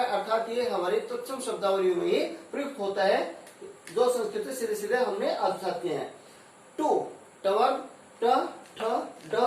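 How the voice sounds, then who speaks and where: A man teaching a Hindi grammar lesson. He recites Sanskrit sutras and then explains each one step by step. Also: very high voice. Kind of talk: classroom-style grammar lesson. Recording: very echoey room, voice from far off, faint background noise.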